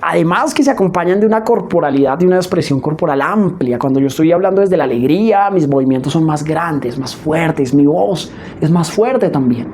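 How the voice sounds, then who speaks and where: A woman teaching public speaking in a spoken lesson, expressive and often checking in with her listeners. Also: sits low, a little fast, few pauses, slight background noise. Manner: expressive, demonstrates emotions with her voice; frequent checking "¿sí?" asides.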